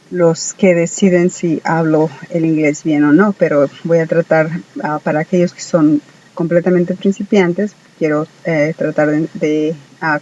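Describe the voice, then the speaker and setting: A speaker giving a home-made English lesson, hesitant, with many filler sounds and slow, careful repetition of words. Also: mid-range voice, a little mellow, recorded from a distance, lo-fi sound. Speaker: English teacher.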